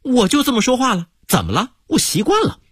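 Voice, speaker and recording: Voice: mid-range voice, wildly swooping pitch, normal speed, husky, no echo, clean studio sound, heavily acted. A man voicing a sulky, embarrassed hotel attendant who mumbles defensive replies.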